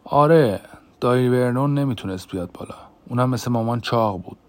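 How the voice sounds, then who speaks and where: A man voicing a brooding adult man who bluntly reveals a dark family secret, in a tense, raised voice, in an audiobook. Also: medium pitch, lightly acted.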